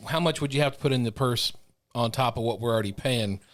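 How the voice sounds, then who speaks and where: A man's voice: mid-range voice, fast talker. A man with an Ohio accent co-hosting a podcast, easygoing and agreeable in casual chat. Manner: agreeable, brief interjections. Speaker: podcast co-host.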